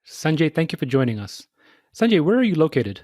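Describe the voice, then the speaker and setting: Measured male podcast host, dry sound. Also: fairly high pitch, sing-song, a little mellow, dry recording. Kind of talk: podcast interview.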